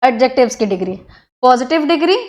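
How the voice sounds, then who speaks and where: A woman's voice: high voice, expressive, fast talker, a little mellow. A woman teacher giving an exam-prep grammar lesson, asking questions and answering them herself, often checking in with her students.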